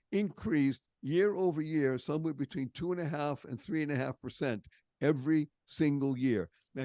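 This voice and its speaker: In this storytelling interview, an older podcast guest from around Boston spins tales with expression, stressing important words in his Boston accent. The recording is dry, and his slightly high voice has a darkish tone.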